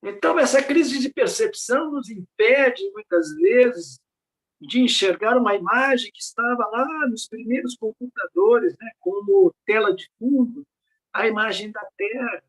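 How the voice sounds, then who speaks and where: Speaking over slides on a video call, this older man is giving an academic talk as an invited speaker at a research network meeting. His voice is high-pitched and a bit bright, his pace a little slow, and he muses aloud with plenty of rhetorical questions.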